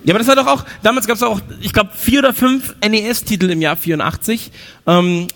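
A high-voiced man hosts a live podcast show, joking and rambling through his points. His voice carries with a long reverb tail from the venue. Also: fairly quick, fairly bright tone. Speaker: podcast host. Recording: echoey hall.

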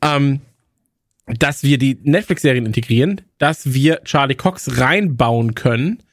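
A man's voice: mid-range voice, expressive, a little slow, no echo, clean studio sound. Rambling man chatting casually. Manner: rambling, many fillers and restarts. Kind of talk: casual chat.

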